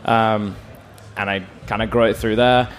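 A man's voice: on the low side, fairly even intonation, unhurried. A man with a Bradford, West Yorkshire accent chatting casually and slangily as a guest in a live interview. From Bradford, England. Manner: informal, slangy, sweary. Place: live stage at a music festival. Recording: clear background noise, festival stage.

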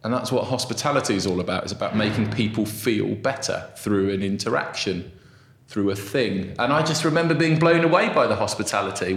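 A man in his thirties, raised in England, telling his story as a podcast guest in a rambling, self-deprecating way. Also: mid-range voice. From Brazil, raised in England. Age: 30s. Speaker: guest, restaurant founder. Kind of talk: casual podcast interview. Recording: roomy echo.

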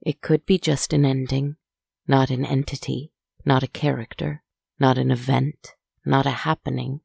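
A woman softly narrating a guided relaxation story in a hushed, soothing, spa-like manner, with deliberate, poetic phrasing. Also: a bass voice, flat delivery, vocal fry, slightly rough, no echo.

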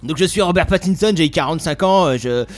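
A man's voice: a little high, fast, close to an everyday voice. Man playing a bigoted middle-aged ex-con. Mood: gruff. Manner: hesitant, with put-on accent. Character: bigoted 45-year-old American man, ex-convict. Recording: faint music behind.

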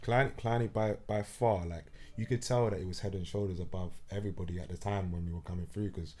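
Man, South London roadman accent, fairly low voice, casual slangy conversation. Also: fairly even intonation, fast talker, warm tone. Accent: South London, urban street. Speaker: former footballer, guest. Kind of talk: casual chat.

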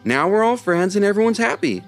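A sweet young schoolgirl chatters earnestly in a raised, lively voice , as a man puts her on. Soft music runs beneath the storybook reading. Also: high-pitched, a little fast, voice pushed up. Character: kind thoughtful young schoolgirl.

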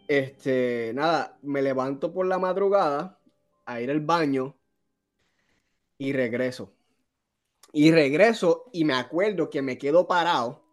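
A man on a podcast, telling a spooky childhood story in a casual, animated, self-mocking way. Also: on the high side. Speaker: podcast co-host.

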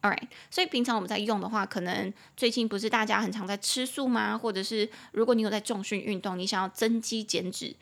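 A woman's voice: medium pitch, fairly even intonation, fast, gravelly, hardly any pauses. A young woman with a Taiwanese Mandarin accent hosting a bilingual English lesson podcast, chatty and spelling words out letter by letter.

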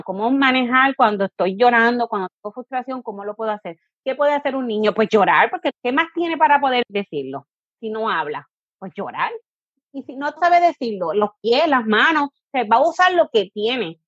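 A woman's voice: on the high side, animated, normal speed, fairly bright tone, husky, no echo. Woman, educator, explanatory, dull lo-fi sound. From Puerto Rico. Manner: explanatory, acts out parent and child voices. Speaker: positive discipline educator and coach. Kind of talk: interview answers.

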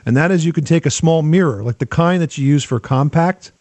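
A man's voice: a little high, fairly quick, darkish tone, no room sound. A man hosting a home improvement call-in show, explaining things step by step in a conversational, folksy way. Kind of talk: conversational radio advice.

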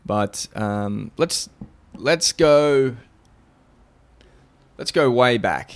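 Male podcast host, mid pitch, halting conversational questions. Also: expressive. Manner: halting, restarts, friendly questioning. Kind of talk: casual interview chat.

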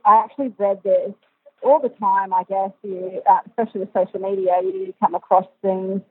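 A woman answering interview questions in a measured, thoughtful way, heard over poor, phone-like audio. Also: mid-range voice, steady tone, husky. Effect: poor quality, phone-like audio. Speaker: interview guest, dressage coach and physiotherapist. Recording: muffled tinny dry phone line.

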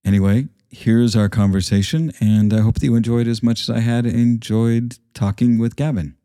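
A man's voice: mid-range voice, fairly even intonation, normal speed, warm tone, clean tone, dry recording, clean studio sound. A man hosting an interview podcast, talking in a plain-spoken, conversational way.

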